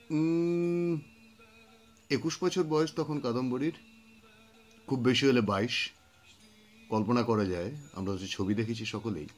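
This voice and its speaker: Male poetry reader, mid-pitched, unhurried reflective storyteller who pauses to think. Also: a little mellow. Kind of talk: reflective spoken commentary on poetry.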